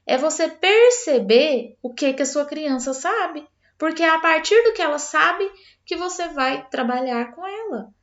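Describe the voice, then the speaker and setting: Brazilian lady teacher, high voice, walks parents through it step by step, kinda echoey and dull. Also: animated, unhurried, fairly bright tone. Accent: Brazilian Portuguese. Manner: explains step by step, addresses viewer directly. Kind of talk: literacy lesson for parents. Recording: roomy, slightly dull sound.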